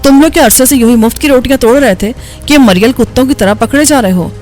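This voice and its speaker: A woman's voice: fairly high pitch, soft background music, natural voice. A woman voicing Gloria, a furious scornful woman. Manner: sharp, contemptuous and shouting. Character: angry scornful young woman gang member.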